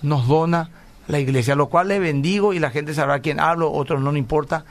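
A middle-aged pastor hosts a radio call-in program, answering listener messages and telling stories earnestly while often asking "¿verdad?". His voice is on the high side and a little fast.

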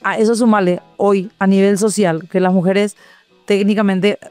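A woman sharing a personal testimony in conversation, reflective, often pausing and adding tag questions. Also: medium pitch, fairly even intonation, a little mellow, no echo, soft background music. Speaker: guest.

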